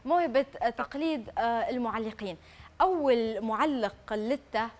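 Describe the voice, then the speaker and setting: A woman with a Libyan accent hosting a live morning talk show, speaking in a brisk and earnest way from a TV studio. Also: fairly high pitch.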